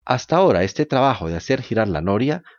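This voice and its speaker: A man's voice: medium pitch, sing-song, fast talker, dry recording, lo-fi sound. A man voicing a stern farmer who bargains bluntly, in a storybook reading. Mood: bargaining. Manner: blunt and businesslike.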